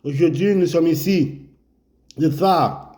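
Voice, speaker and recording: In a slow lesson on Arabic letters, a man with a fairly high, mellow voice speaks slowly. He walks through each step and explains as he writes, repeating every sound many times.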